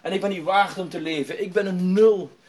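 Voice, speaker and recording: A man's voice: high voice, fairly quick, a little mellow, natural voice. A man acting out a distraught young man in despair, wailing and sobbing with self-pity.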